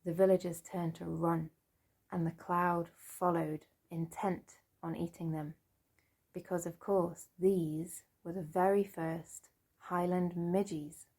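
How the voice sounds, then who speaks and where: A woman storyteller telling a folk tale in a lively way, with chatty asides. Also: on the low side, takes it slowly, husky.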